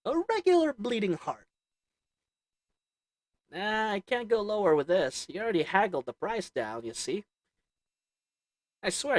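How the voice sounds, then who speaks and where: A performer plays a crafty goblin peddling potions, addressing the listener with haggling, sarcastic, wheedling salesmanship and little chuckles between lines. It's an audio roleplay in a medium-pitched voice, recorded dry.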